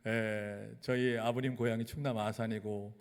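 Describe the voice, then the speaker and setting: Korean pastor preaching in a reverberant church hall. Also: male voice, fairly low pitch, normal speed. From Chungcheong region, South Korea. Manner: leads congregation in call-and-response reading, animated storytelling. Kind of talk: sermon. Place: church sanctuary.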